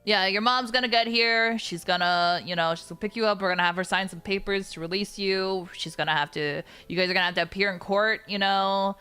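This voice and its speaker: A woman voicing matter-of-fact police officers in a lowered voice. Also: steady tone, a little fast, few pauses, pushed and bright, clean tone, soft background music, natural voice. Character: gruff police officers, adult men.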